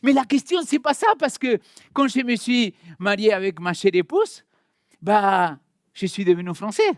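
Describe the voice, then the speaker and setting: Preaching in a church hall, a pastor from Argentina addresses the congregation in a friendly, conversational tone with a light Argentine Spanish accent. His voice sits high, swings widely in pitch, and keeps a moderate pace. The sound is clean studio audio with no room sound.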